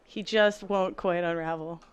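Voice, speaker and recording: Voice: medium pitch, fairly even intonation, unhurried, clear, resonant tone. A commentator calling a card game match in a playful, teasing and theatrical way.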